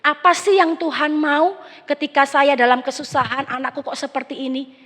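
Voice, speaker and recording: A young woman pastor, preaching a sermon with a conversational personal testimony and animated quoted dialogue. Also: sits high, moderate pace. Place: large church hall. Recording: long church-hall reverb.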